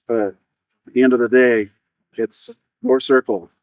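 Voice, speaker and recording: A man with a mid-pitched voice leads an informal ceremony, speaking to those gathered. The live recording is dull and muffled, with little echo. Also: fairly even intonation, measured pace. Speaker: ceremony officiant.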